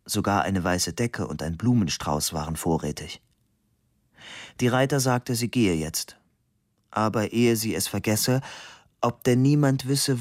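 A man reading a novel aloud as narrator, calm and measured. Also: on the low side, no room sound, studio quality. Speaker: audiobook narrator. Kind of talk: scripted narration.

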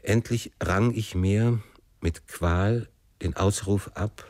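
A man narrating a classic novel in the first person, with measured, emotive storytelling. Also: lowish voice, darkish tone, dry recording. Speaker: audiobook narrator.

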